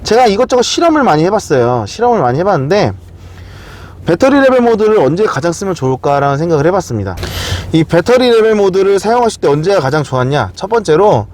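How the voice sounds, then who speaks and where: A man's voice: sits high, very animated, fast talker, darkish tone. A man presenting a casual explanatory walkthrough, often asking questions and answering them himself. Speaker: car video presenter.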